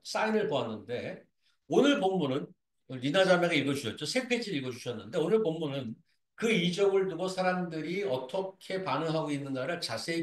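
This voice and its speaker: A man's voice: a little high, echoey room. A man preaching a sermon as pastor, dropping English phrases and acting out the voices of scripture and scoffers. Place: church sanctuary.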